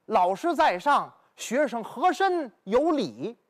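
A man voicing an eager, deferential Qing courtier in traditional storytelling, calling out loud, ceremonious salutations. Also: very high voice, big pitch swings, slow pace, full character voice. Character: eager, deferential male Qing courtier greeting his teacher.

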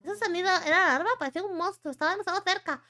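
A woman's voice: very high-pitched, rapid-fire, bright, forceful tone. A woman with a Spanish accent from Spain, chatting casually on a live stream, reacting to chat and reading messages aloud.

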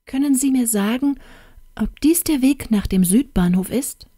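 A woman voicing a shy, tearful young woman traveller who pleads anxiously in high, rising tones. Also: lively intonation, measured pace, mellow, no room sound, studio quality.

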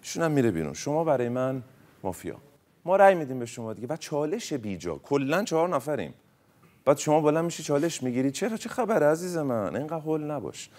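A man argues heatedly against another player, piling up points one after another. His pitch swings widely as he presses his case. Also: very animated, darkish tone. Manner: accusing, emphatic, rapid-fire argument. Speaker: game player. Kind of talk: heated accusation in a mafia game.

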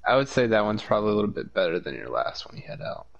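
A man's voice: lowish voice, very animated, racing, gravelly, muffled recording. A man casually explaining car parts to friends during an online game. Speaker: gamer friend. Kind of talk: casual gaming chat.

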